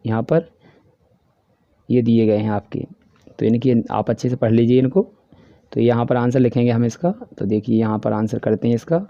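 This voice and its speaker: A man with a Hindi accent goes through a school worksheet, explaining each answer and reading the English questions out slowly. His voice is very dark and mellow, at a middle pitch for a man. The recording is a dry, close voice-over with a slightly dull, lo-fi sound. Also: steady tone, dry recording. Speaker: teacher.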